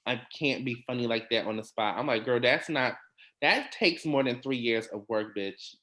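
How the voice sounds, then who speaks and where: A man in his twenties hosting a casual recap chat, animated, acting out quotes in a higher voice. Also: moderate pace. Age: 20s. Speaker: podcast host.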